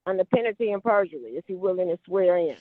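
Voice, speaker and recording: A woman's voice: on the low side, lively intonation, quick pace, dry recording. A woman speaking in court as a defendant on a phone-line hearing recording, insistent and repeating her objections and questions. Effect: courtroom hearing recording over a phone-like line. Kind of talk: argumentative courtroom exchange.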